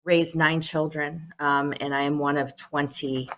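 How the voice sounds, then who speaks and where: A woman's voice: sits low, little pitch movement, a little slow, a bit bright. A middle-aged woman leading a social services agency, giving earnest prepared remarks at a telephone town hall with frequent "um"s. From United States. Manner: earnest, many "um" fillers.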